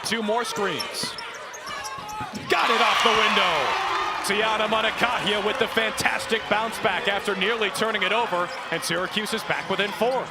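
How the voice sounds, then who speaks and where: An early-twenties man doing play-by-play commentary and sports reports speaks at a moderate pace in a high-pitched voice with a steady tone. Venue noise is clearly present behind him.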